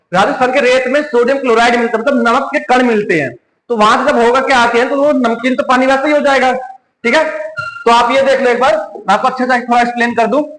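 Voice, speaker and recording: High-voiced Hindi teacher in an echoey room. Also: male voice, fairly bright tone. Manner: repeats questions and answers them himself. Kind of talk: exam-prep lesson. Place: coaching classroom.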